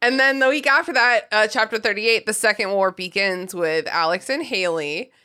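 A woman's voice: medium pitch, moderate pace, bright, forceful tone. A woman hosting a podcast in casual chat, laughing often and swearing freely. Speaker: podcast host.

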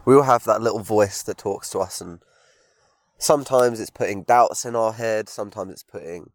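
A man hosting a solo podcast, talking slowly and thoughtfully, often pausing to find his words. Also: lowish voice, no room sound. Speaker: podcast host. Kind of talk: reflective solo monologue.

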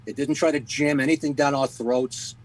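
A man hosting an interview, telling a story in a halting way with restarts. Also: mid-range voice, fairly even intonation, poor audio. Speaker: podcast host. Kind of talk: conversational storytelling.

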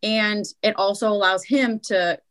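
A woman's voice: mid-range voice, steady tone, a little slow, a bit bright. Earnest woman guest explaining casually. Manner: earnest, explains with many "like" and "right?" asides. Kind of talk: casual podcast chat.

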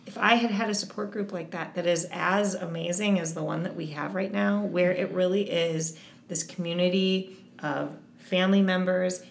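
A woman's voice: lowish voice, steady tone, moderate pace, gravelly, roomy sound. A woman speaking as an interview guest, earnest and encouraging, often restarting her sentences as she talks about her advocacy work. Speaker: guest, eating disorder advocate. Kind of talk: casual interview conversation.

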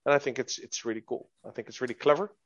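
A man's voice: mid-range voice, steady tone, rapid-fire, no echo. A man co-hosting a casual crypto podcast, stumbling over repeated words and restarts, at times reading a news article aloud. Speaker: co-host. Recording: dull lo-fi sound.

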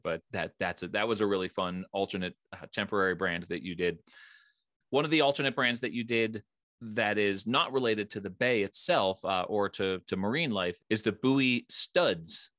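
A man's voice: on the low side, a bit bright, dry recording, studio quality. A man from Philadelphia with an American accent, hosting a conversational podcast interview and saying any Spanish names with American pronunciation. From Philadelphia, United States. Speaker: podcast host.

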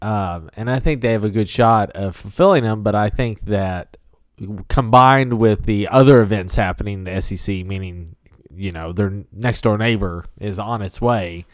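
A man's voice: fairly low pitch, moderate pace, no room sound. A man co-hosting a sports podcast in casual chat, hedging and thinking aloud as he goes. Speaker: podcast co-host.

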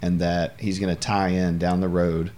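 Very deep-voiced male podcast host. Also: level tone, moderate pace, slight background noise. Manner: warm encouraging, faith-centered reflections. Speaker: podcast co-host, counselor's supervisor. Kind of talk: casual podcast conversation.

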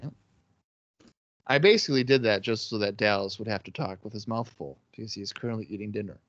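A man's voice: fairly low pitch, fast talker, fairly bright tone, dry recording. A man co-hosting a podcast, giving joking, profane play-by-play of a wrestling match in casual chat. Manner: joking, swears freely. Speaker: podcast co-host watching wrestling. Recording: dull lo-fi dry sound.

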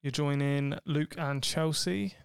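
A man's voice: fairly high pitch, steady tone, slow, vocal fry, clear, resonant tone, no echo, studio quality. A man co-hosting a podcast, joking cheekily and swearing freely in casual chat. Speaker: podcast co-host.

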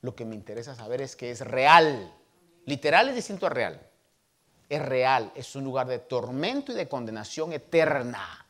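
A man in his thirties, a pastor, preaching a sermon and telling stories from his childhood with lively voices for the people he quotes. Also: medium pitch. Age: 30s.

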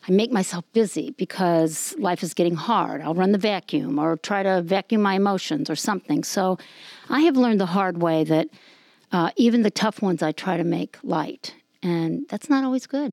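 Candid woman with a low, gravelly voice. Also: normal speed, a little mellow, no echo, clean studio sound. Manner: candid, storytelling, with ums. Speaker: discussion group member. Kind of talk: personal testimony in group discussion.

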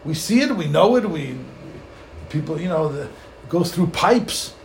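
A man's voice: a little high, animated, unhurried. A man with gives a Torah sermon as a rabbi, telling stories emphatically, repeating phrases and asking rhetorical questions. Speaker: rabbi giving a Torah lecture. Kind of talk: sermon, Torah lecture with storytelling. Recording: echoey room, faint background noise.

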